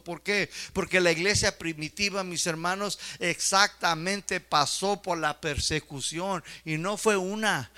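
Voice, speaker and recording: A man's voice: sits high, pushed and bright. A man preaching a fervent sermon, asking his listeners questions and addressing them again and again as brothers.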